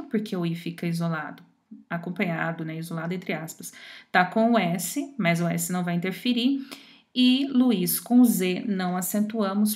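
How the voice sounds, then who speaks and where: A woman teacher explaining grammar rules step by step, often pausing to check that her students follow. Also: medium pitch. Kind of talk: grammar lesson.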